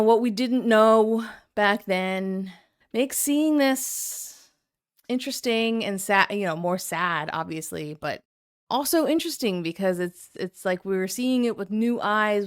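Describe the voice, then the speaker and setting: A woman's voice: mid-range voice, clear, resonant tone. A woman hosting a reaction video, commenting critically and sarcastically on a livestream clip.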